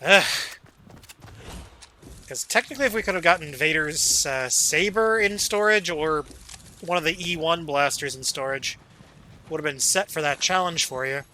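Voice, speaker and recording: A man's voice: a little high, moderate pace, pauses often, sharp tone, a little hiss or hum. A man streaming a game, chatting casually and rambling, with a casual swear here and there. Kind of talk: casual gaming chat.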